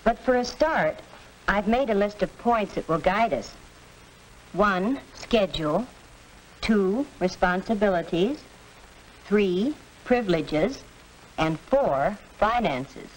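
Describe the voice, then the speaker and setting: A woman's voice: mid-range voice, expressive, takes it slowly. A woman playing an earnest, orderly middle-aged American mother in a 1940s educational film. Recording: noisy vintage film soundtrack.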